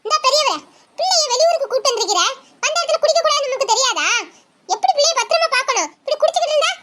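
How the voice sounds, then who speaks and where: A very high voice playing a tough, sharp-tongued young woman in a cartoon, scolding and mocking. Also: expressive, rapid-fire, exaggerated voice. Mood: lecturing. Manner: scolding, bossy, laughing scornfully.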